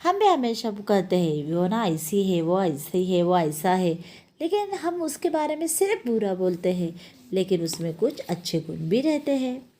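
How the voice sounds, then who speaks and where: A woman voicing a kindly, wise male moon spirit who gently lectures in a storybook. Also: mid-range voice, very animated, a little slow. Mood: gentle.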